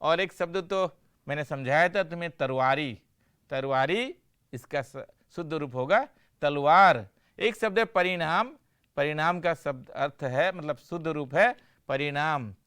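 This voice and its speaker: A man's voice: high voice, a bit bright, smooth. A man teaching a Hindi lesson for a broadcast class, explaining patiently, asking questions and answering them himself.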